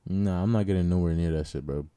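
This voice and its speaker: A man's voice: sits low, fast, mellow, smooth. A young man in casual podcast banter, talking in a slangy frat-bro way as a co-host. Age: young adult.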